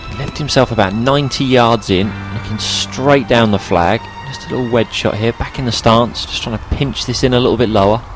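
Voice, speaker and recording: Analytical male golf commentator, medium pitch. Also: a little fast, hardly any pauses, music in the background. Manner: analytical, describing each shot.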